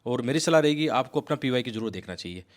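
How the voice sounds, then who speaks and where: Fast-talking man teaching exam prep. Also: medium pitch, expressive. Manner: rapid, emphatic, coaxing students, mixes English words. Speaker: civil service exam coaching teacher. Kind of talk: fast explanatory lecture.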